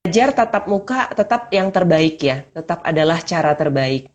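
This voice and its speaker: A woman chatting casually over a video call whose audio keeps breaking up, so her pitch jumps and her words stall. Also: expressive, highs cut off. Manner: halting, restarting mid-sentence. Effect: choppy breaking-up video-call audio with jumping pitch.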